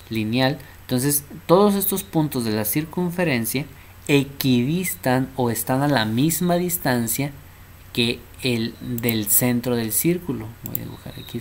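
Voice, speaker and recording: A man's voice: medium pitch, a little hiss or hum. A man teaching math in a casual way, often checking in with the class and repeating himself. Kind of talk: informal math lesson at a board.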